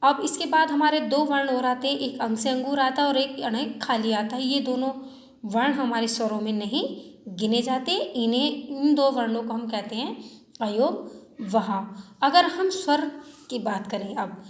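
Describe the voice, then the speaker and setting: A woman's voice: high voice, moderate pace. A woman teaching a Hindi lesson to schoolchildren, asking questions and answering them herself, drawing out vowel sounds to show their length. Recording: echoey room with faint noise.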